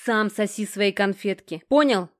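A woman's voice: mid-range voice, a little slow, natural voice. A woman voicing a tearful, hysterical young woman who whines and snaps. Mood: snapping. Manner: whiny, sharp and emotional.

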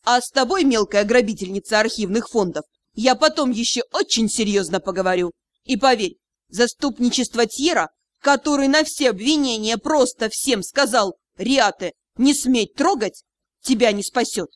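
A woman reading the part of a strict, quick-tempered female captain in an audiobook, with a sharp, scolding delivery. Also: a little high, animated, no room sound, natural voice. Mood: indignant.

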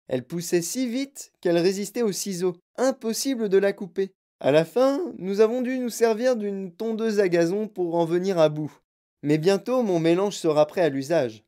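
A narrator gives voice to an eccentric, excitable grown man who makes candy, firing off boastful, bouncy exclamations. The pitch is medium, close to an everyday speaking voice.

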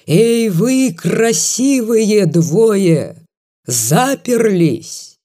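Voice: medium pitch, lively intonation, slow, husky, full character voice. A reader doing a drunk, ranting country doctor. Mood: shouting. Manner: slurred, lurching between self-pity and shouting.

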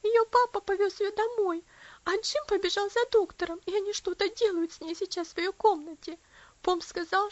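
A woman voicing a young girl who talks loud and tearful in an audiobook story. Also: extremely high pitch, no echo, pitched above the performer's own voice. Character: sobbing excitable young girl. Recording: dull lo-fi audio.

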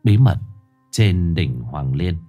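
Host, young adult man, very low voice, stuffy nose, chatty livestream greetings before a story. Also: animated, slow, dark tone, faint music behind. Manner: greets viewers by name, chatty and joking. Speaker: host of a live horror story reading channel. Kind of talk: livestream chat and story introduction.

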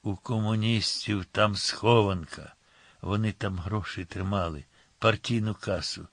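A man reading an excited, chatty young friend from an audiobook, pitched low. The reading is dry and close to the mic. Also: a little slow, creaky, no room sound, heavily acted. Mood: eager.

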